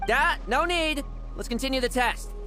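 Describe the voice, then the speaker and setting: A woman's voice: high voice, normal speed, sharp tone, soft background music. A woman voicing a proud, defiant young knight in a video game, cocky and challenging. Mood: determined.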